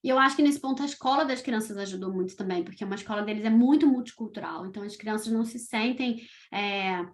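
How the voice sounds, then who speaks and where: A woman's voice: mid-range voice, fast, hardly any pauses. A middle-aged woman from Brazil, a podcast creator, chatting casually as an interview guest, with lots of "tipo" and "sabe" fillers.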